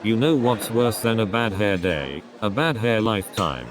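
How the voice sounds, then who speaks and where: A man doing a stand-up comedy routine, delivering deadpan one-liners one after another. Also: fairly low pitch, normal speed, heavy background noise. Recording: crowd laughter in background. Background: audience laughter.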